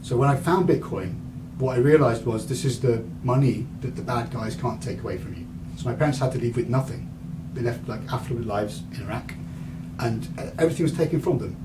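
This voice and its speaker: Man, 30s, rambling lecturer, mid pitch, heard from far off. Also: brisk. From England. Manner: rambling, many fillers and restarts. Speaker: guest lecturer. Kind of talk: university lecture. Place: university lecture room. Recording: distant mic, audible room noise.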